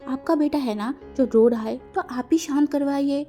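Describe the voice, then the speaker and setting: A playful young man sulks and teases in a storybook reading, as the female narrator puts him on. The voice stays a little high and mellow, with soft music behind it. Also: normal speed, lightly acted. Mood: sulky.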